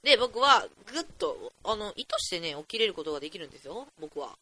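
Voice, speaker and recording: A teenage boy of about fifteen hosting a solo podcast, rambling in an excitable, chatty, jokey way at a desk mic. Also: high voice, fast. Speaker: podcast host.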